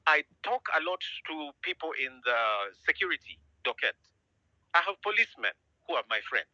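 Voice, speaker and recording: A man's voice: high-pitched, sharp tone, no room sound, lo-fi sound. A middle-aged man with a Kenyan accent, speaking out with earnest, emphatic force and repeating lines for weight. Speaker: musician and citizen speaking out. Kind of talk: impassioned speech.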